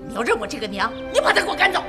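A woman's voice: very animated, rapid-fire. An actress playing a furious, scolding blind old mother in a period TV drama, with music behind. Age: older. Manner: shrill, scolding, wailing. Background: drama score music.

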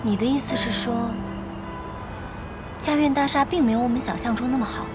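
An actress plays a shrewd young secretary with a high, clear voice who answers with calm assurance. Music plays clearly behind her. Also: a little fast, close to an everyday voice. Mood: assured. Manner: assured, matter-of-fact.

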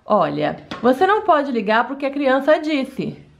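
A woman's voice: high-pitched, very animated, measured pace, gravelly, muffled recording, exaggerated voice. A woman voicing a patient mother in a doll play story, coaxing and soothing, often saying the child's name.

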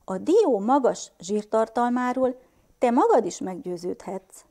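Speaking with a Transylvanian Hungarian accent, a female teacher leads a first-grade reading lesson, slowly sounding out words and questioning the children. Her voice is a little high and dark in tone, and she is very animated.

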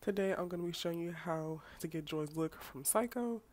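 A young beauty vlogger, stuffy and congested from a cold, talks fairly quickly in a lowish, darkish voice. She chats casually through a makeup tutorial, tossing in self-mocking asides, with faint music playing in the background.

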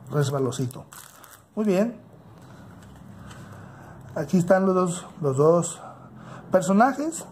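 A man with a Mexican accent narrating a casual hands-on toy unboxing, unhurried and halting as he thinks aloud. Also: fairly high pitch, darkish tone, a little hiss or hum. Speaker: toy unboxing channel host. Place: indoors at a tabletop.

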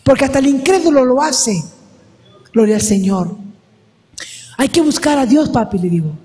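A woman's voice: high voice, expressive, normal speed, darkish tone, in a large hall. A woman preaching a sermon at a women's service, emphatic and repetitive, often calling out to the brethren.

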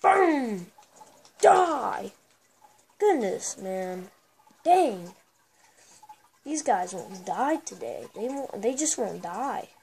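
Excitable girlish woman trash-talking gameplay. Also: mid-range voice, slow pace, pauses often, slightly rough. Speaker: gameplay commentator. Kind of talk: casual gameplay commentary. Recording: noisy recording with steady hiss.

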